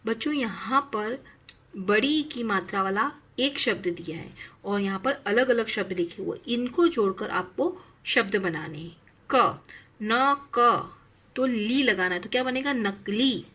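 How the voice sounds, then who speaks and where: A woman's voice: medium pitch, lively intonation, measured pace, a bit bright, breathy edge. A woman teaching a Hindi lesson to young primary school children, stretching out each word and asking simple questions as she goes. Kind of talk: slow, clearly enunciated lesson for young children.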